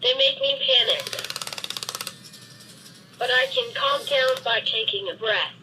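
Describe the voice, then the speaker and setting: A synthetic female voice playing a friendly, cheerful boy robot that talks to children in slow, simple, deliberate sentences. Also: a little high, bright, forceful tone, a little hiss or hum, rough recording. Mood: playful. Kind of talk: programmed robot speech for children. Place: meeting room, played from a robot.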